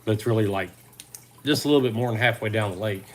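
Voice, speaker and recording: A man's voice: fairly low pitch, fast. A man chatting casually and teasing while tying fishing jigs on a livestream in his garage. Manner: dry, teasing, folksy. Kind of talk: casual chat while working. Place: home garage.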